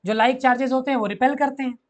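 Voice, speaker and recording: A man's voice: very high-pitched, steady tone, racing, dull audio. A man teaching physics to school students, who repeats key phrases and keeps asking the class questions. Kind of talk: classroom lecture mixing Hindi and English.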